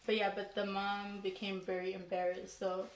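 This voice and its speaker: A young adult woman from Palau telling a story casually, in a halting, rambling way with frequent self-corrections. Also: mid-range voice, monotone. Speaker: mukbang vlogger telling a folk legend. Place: small room indoors, seated at a table. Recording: roomy echo, background noise.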